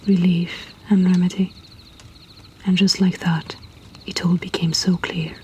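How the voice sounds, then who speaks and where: Breathy and deliberate, a lowish-voiced woman reads poetry in a soft whisper as an intimate storyteller host, leaving long pauses. Her delivery is flat, and slight background noise can be heard.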